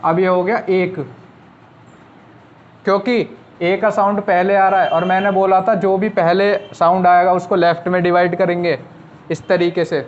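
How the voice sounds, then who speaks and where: Male shorthand tutor, patient and repetitive, fairly high voice, lo-fi classroom recording. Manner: patient, repeats rules step by step. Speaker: shorthand teacher. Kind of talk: classroom lesson explaining at a board. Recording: slightly dull lo-fi recording with faint noise.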